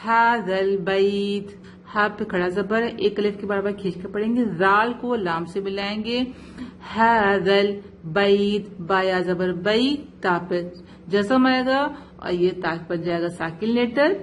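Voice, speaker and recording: A woman teaching Quran recitation with tajweed, speaking slowly and patiently, spelling out letter sounds and often checking for understanding. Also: medium pitch, a little hiss or hum. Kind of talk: one-on-one recitation lesson.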